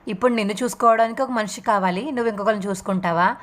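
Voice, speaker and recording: Woman doing a bossy husband, teasing and gruff. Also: mid-range voice, rapid-fire, natural voice.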